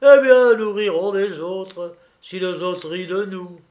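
Imagine a man playing a cunning small-town lawyer in a classic audiobook. He speaks up loud and persuasive, with an edge of malice. The voice stays close to the reader's own, a bit higher. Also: slow. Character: scheming middle-aged provincial lawyer, sly.

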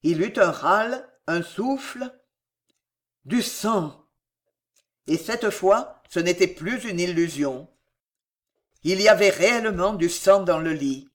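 A man narrating a historical novel in a solemn, measured reading. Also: high voice, a bit bright.

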